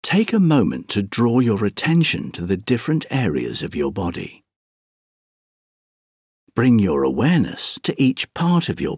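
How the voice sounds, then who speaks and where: A man narrating a scripted guided sleep meditation, speaking softly and breathily in a soothing, gentle, unhurried way with long pauses. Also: on the low side, breathy edge, no room sound, clean studio sound.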